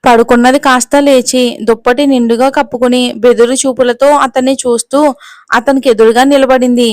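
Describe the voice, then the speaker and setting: Flat-voiced female story narrator. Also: fairly high pitch, no room sound. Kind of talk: scripted narration.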